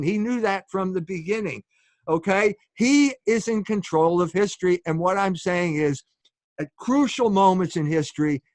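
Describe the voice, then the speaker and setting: A man with a notably high voice gives a public lecture, speaking with earnest emphasis. His words come across dry and close, with no room echo around them. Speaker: speaker and author.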